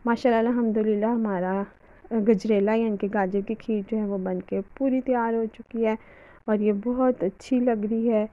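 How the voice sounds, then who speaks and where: A woman's voice: a little high, steady tone, normal speed, muffled recording. Chatty woman cooking host. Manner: chatty, homely, with religious greetings and fillers. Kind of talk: home cooking tutorial voice-over.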